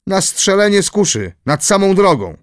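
A man voicing an agitated male forester who reports in a hurried, excited way, in an audiobook reading. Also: high voice, no room sound, studio quality, voice pushed up. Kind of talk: audiobook character voice.

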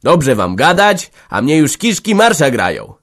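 Man doing old joking villager, slow and drawn out, storybook role. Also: on the high side, big pitch swings, fairly bright tone, pitched above the performer's own voice, exaggerated voice.

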